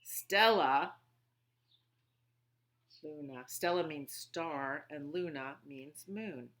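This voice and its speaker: A library storytime host leads small children through songs, rhymes and read-aloud stories. Her voice sits a little low for a woman, a bit bright, and very unhurried. She uses simple child-directed phrases, leaving gaps and asking questions along the way.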